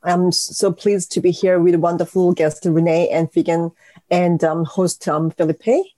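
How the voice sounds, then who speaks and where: Low, mellow woman. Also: fairly even intonation, measured pace. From South Korea. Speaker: guest, analytics executive. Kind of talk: podcast interview.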